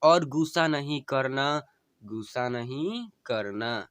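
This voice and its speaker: Dying wife's gentle farewell read by a man, smooth clear tone, unhurried, each plea said twice. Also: medium pitch, animated, no room sound, voice pushed up. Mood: tender. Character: dying wife pleading with her husband. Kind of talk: emotional story reading.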